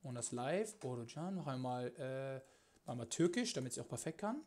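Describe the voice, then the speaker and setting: A young man chatting casually on a live stream from his home kitchen, slangy and crude, swearing freely and swinging between mumbles and loud bursts. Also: mid-range voice, a little fast, slight background noise. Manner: excitable, jumps between mumbling and loud outbursts.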